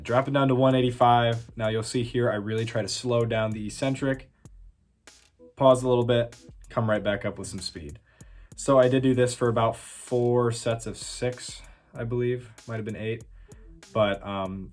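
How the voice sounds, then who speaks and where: A young man giving casual, self-teasing voice-over commentary on his own workout footage, with many fillers. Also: on the low side. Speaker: fitness vlogger.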